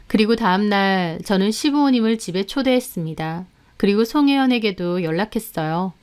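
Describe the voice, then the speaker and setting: A woman narrating a dramatic first-person story in a measured way. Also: medium pitch, animated, a little mellow, clear, resonant tone.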